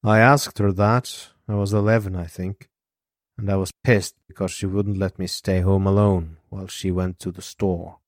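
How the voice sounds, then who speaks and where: A man voicing a guarded, reflective young man who speaks low and earnestly. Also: steady tone, moderate pace, no room sound, clean studio sound, close to an everyday voice. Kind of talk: audiobook character voice.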